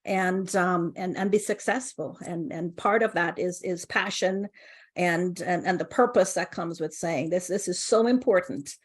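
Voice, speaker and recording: This middle-aged woman with a Jamaican accent has a fairly low, unhurried voice. She's a co-founder and guest in a relaxed interview, frequently laughing and starting her sentences over.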